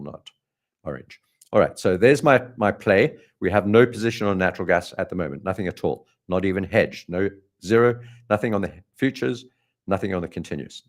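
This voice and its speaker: A deep-voiced man with a South African accent walks through market charts in a live trading stream. He thinks aloud as he goes, pausing on ums and uhs and correcting himself mid-sentence.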